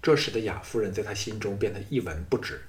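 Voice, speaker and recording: A man narrating an audiobook in a dramatic, expressive storytelling style. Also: fairly low pitch, fast.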